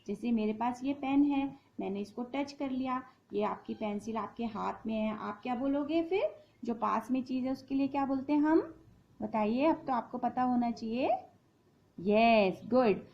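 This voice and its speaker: A woman's voice: fairly high pitch, normal speed, gravelly, lo-fi sound. A woman teacher giving a patient lesson to young children, spelling words out sound by sound.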